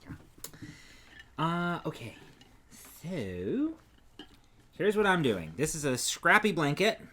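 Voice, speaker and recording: A man's voice: on the high side, takes it slowly, a little hiss or hum. A man co-hosting a casual crafting podcast, talking loosely and restarting often as he shows his blanket. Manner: relaxed, trails off and restarts while showing work. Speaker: podcast co-host. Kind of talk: casual chat about crochet.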